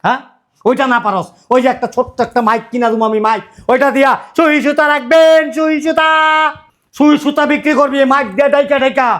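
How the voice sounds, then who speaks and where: An actor playing a loud middle-aged father-in-law who keeps berating his idle son-in-law. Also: very high voice, quick pace. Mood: furious. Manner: shouting, berating, repetitive rants.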